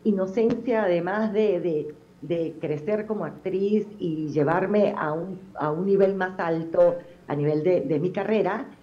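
Guesting on a TV interview, this middle-aged telenovela actress chats expressively and leans on lots of fillers. Her Venezuelan accent has hints of Argentina, and her lowish voice comes a little slow through a muffled recording.

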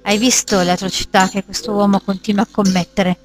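A woman playing a jealous, possessive mother spirit who speaks low, slow and cold. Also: little pitch movement, over music, natural voice. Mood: sorrowful.

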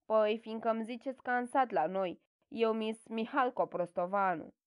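A woman's voice: fairly high pitch, clear, resonant tone, no room sound, lightly acted. A naive young peasant lad answers in short, plain words, earnest and a little bewildered, as a woman reading the tale puts him on. The sound is dry and close, with no room around it.

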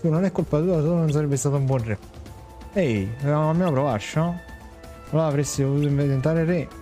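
Slightly high, mellow-voiced young male streamer. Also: fast talker. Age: young adult. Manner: playful, slangy, reads game dialogue aloud. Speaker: game streamer. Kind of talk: casual live game commentary, chat with viewers. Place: indoor room. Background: game music.

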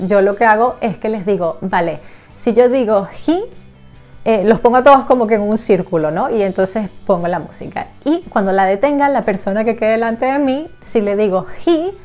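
A woman English teacher for young children, explaining a classroom game in a casual, lively way and acting out sounds and children's voices. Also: on the high side, moderate pace, faint music behind. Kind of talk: casual explanatory lesson to camera.

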